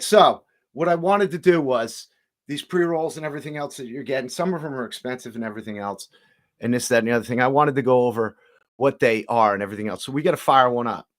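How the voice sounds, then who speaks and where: Rambling New man on livestream. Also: medium pitch. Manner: rambling, stop-start, greets chat viewers by name. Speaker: livestream host reviewing cannabis. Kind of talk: casual livestream chat.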